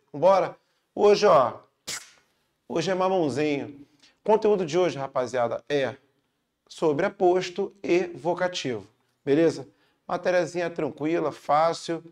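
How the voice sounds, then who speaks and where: A man with a Brazilian Portuguese accent, his voice fairly high and slightly mellow, runs a relaxed online grammar lesson. He's chatty and upbeat, checking in with his students after every point.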